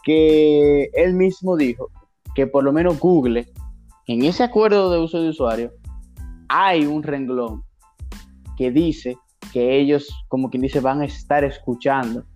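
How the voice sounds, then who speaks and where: A man's voice: a little high, a little slow, darkish tone, lo-fi sound, faint music behind. A young man with a Dominican accent in casual chat, explaining things with slangy, acted-out examples.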